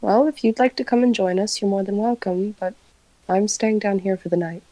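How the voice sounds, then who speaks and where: A woman's voice: mid-range voice, steady tone, brisk, mellow, no echo, low-quality recording. A woman player in a tabletop game, making dry, teasing remarks. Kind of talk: tabletop roleplay banter.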